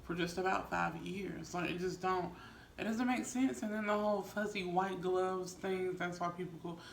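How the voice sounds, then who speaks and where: A woman's voice: on the low side, fairly even intonation, normal speed, vocal fry. A woman vlogger chatting casually to her viewers in a rambling, conversational mukbang style. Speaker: vlogger and small business owner. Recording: roomy echo, faint background noise.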